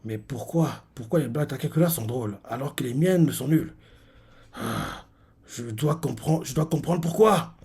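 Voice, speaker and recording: A jealous teenage schoolboy, nervous and flustered, blurting fake-casual excuses, as a man reads him out from a manga. The voice is pushed up high above the reader's own. The delivery is jittery and overplayed. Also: expressive, takes it slowly, darkish tone, exaggerated voice. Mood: brooding. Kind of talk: reading manga dialogue aloud.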